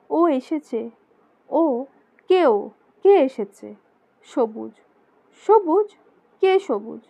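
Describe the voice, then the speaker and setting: A woman narrating a romantic drama story in a steady, dramatic storytelling manner. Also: sits high, gravelly. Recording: slightly dull lo-fi recording.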